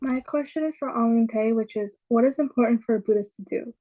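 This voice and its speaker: A woman's voice: on the high side, brisk, warm tone, low-quality recording. A woman reading a prepared lesson as a student presenter in a class. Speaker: student presenter and quiz asker.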